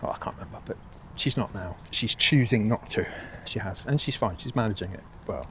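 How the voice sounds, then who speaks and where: A man's voice: lowish voice, animated, a little fast, fairly bright tone, a little hiss or hum. A man talking in a casual vlog monologue while out walking a dog, rambling with restarts and frequent swearing. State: hot and a little weary while walking. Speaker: vlogger.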